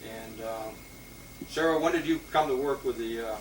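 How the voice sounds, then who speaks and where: A man's voice: mid-range voice, normal speed. Man rambling through a history talk. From Boston, Massachusetts. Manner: rambling, many fillers and restarts. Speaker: police lieutenant giving a talk. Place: historic house meeting room. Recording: roomy, distant mic with loud hiss.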